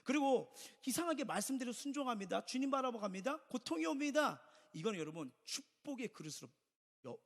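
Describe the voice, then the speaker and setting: A man's voice: extremely high pitch, big pitch swings, brisk, creaky, a bit bright. A male pastor preaching a Sunday sermon, emphatic, with rhetorical questions and repeated phrases. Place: church sanctuary. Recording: reverberant church hall.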